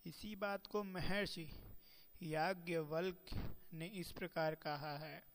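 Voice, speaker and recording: Man lecturing slowly in a reverberant room. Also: a little high, steady tone. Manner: measured, slows to chant quoted verses. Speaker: teacher. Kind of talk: lecture on Sanskrit pronunciation.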